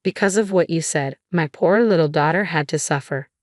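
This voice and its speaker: A woman's voice: sits low, moderate pace, no room sound, studio quality, natural voice. A woman narrator voicing a spiteful, greedy, entitled mother in story dialogue, sneering and demanding.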